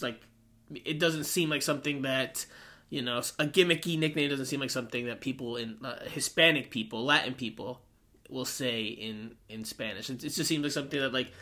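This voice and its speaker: A man's voice: medium pitch, normal speed, pushed and bright. A man hosting a sports podcast in a chatty way, talking with a swollen cheek after having wisdom teeth out. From Peruvian American. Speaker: podcast host.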